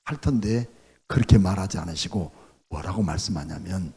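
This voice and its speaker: Husky-voiced pastor preaching with rhetorical questions. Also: male voice, sits low, normal speed. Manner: fires rhetorical questions at the congregation; swings between loud bursts and quiet drops. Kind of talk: sermon.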